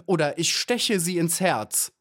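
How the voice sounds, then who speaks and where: A man's voice: lowish voice, lively intonation, a little slow, darkish tone, no echo, clean studio sound. A man voicing a small, brave young female honeybee in an audiobook, frightened and pleading at first, then defiant. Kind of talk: audiobook character voice.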